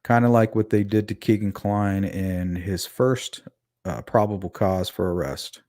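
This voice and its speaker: A man's voice: on the low side, unhurried, darkish tone, no room sound, clean studio sound. A man with a lisp hosting a casual livestream commentary, talking conversationally and putting questions to his audience. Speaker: livestream host. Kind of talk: casual true-crime livestream commentary, reading chat aloud.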